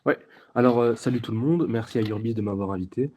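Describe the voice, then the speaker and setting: A man's voice: mid-range voice, quick pace, highs cut off, a little hiss or hum. A 21-year-old man with a Belgian French accent, answering interview questions earnestly as a guest, with many fillers and restarts. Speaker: guest, youth party section president.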